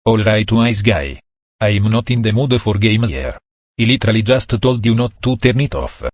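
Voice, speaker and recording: A man's voice: on the low side, animated, normal speed. A man voicing a smug male computer virus villain who taunts and makes escalating threats in a comedy skit. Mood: menacing.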